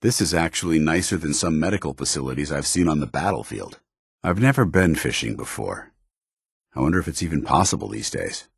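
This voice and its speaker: An actor playing a stern, dutiful military paladin in a post-apocalyptic video game, speaking formally with clipped authority. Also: male voice, a bass voice, lively intonation, brisk, gravelly, breathy edge, no room sound, clean studio sound, full character voice. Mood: stern, observant. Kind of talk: video game companion dialogue.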